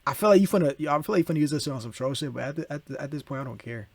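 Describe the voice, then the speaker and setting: Gravelly streamer chatting casually. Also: male voice, medium pitch, very fast. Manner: talks over the video, slangy, repeats "bro", keeps apologizing for laughing. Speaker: streamer reacting to a video. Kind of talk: casual live reaction chat.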